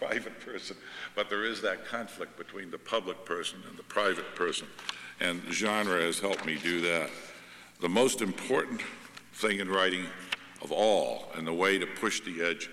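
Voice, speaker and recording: An older man giving a talk on writing. He reads a poem slowly and deliberately, then speaks in a conversational, wry way. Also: sits low, bright, forceful tone. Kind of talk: reflective talk with a poem reading. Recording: echoey hall, faint noise.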